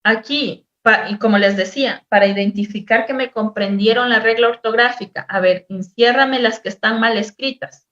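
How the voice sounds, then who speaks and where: A woman teacher-therapist giving a lecture on spelling intervention, explaining patiently, repeating words and drawing out sounds slowly as examples. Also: on the high side, a bit bright. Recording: echoey room, dull lo-fi sound.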